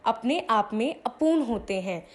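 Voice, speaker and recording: A woman's voice: a little high, expressive, a little slow. A young woman teaching a grammar lesson to children. She asks the class questions, answers them herself, draws out sounds and repeats key phrases.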